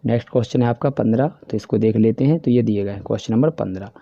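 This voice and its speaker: A man with a Hindi accent teaching a class worksheet, explaining each answer step by step and reading the English questions slowly. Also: on the low side, gravelly, mellow, dry recording. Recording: dry, dull lo-fi voice-over.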